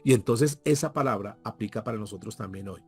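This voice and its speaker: A male pastor preaching an evening sermon in church, rising in emphasis and then dropping to soft asides to his congregation. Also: fairly low pitch, fairly quick, husky, faint music behind.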